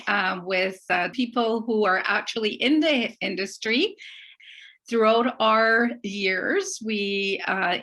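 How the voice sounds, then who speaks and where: Middle-aged woman host, slow and careful, lots of ums, bright tense voice. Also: fairly high pitch. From Barbados. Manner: slow, careful, with many fillers. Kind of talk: community TV talk show hosting.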